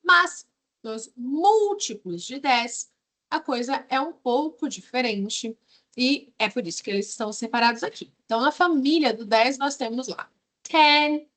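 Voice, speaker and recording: A woman's voice: on the high side, lively intonation, normal speed, a bit bright. A woman with a Brazilian accent teaching English in a video lesson, explaining patiently and drilling words one by one. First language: Portuguese.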